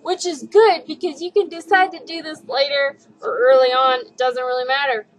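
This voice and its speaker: A woman's voice: high-pitched, fairly even intonation, moderate pace, rough recording. A young woman rambling in a giggly, drunk manner as she casually talks through a makeup tutorial on a home webcam. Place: living room at home, indoors. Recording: webcam audio with background noise.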